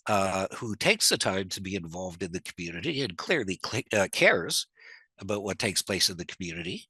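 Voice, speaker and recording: A man's voice: fairly low pitch, sharp tone, breathy edge, no room sound, low-quality recording. A man from Northern Ontario, stuffed up with a cold, giving an online seminar over a video call in a conversational, digressive way with self-deprecating asides. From Northern Ontario, Canada. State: stuffed up, congested. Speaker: seminar presenter.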